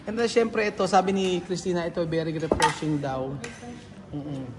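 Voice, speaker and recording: A man's voice: on the high side, expressive, moderate pace, in a large hall, background noise. A man from the Philippines chatting casually in a food vlog, switching between languages and laughing as he tastes dishes at a restaurant. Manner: mixes Tagalog and English, laughs a lot while tasting. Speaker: food vlogger. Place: restaurant at a shared meal.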